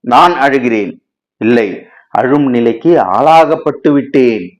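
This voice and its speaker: A man's voice: medium pitch, a little slow, lightly acted. A man voicing an anguished male writer in a storybook reading, lamenting in a dramatic, wordy way, on a dull lo-fi recording. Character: anguished male writer, grief-stricken and impassioned.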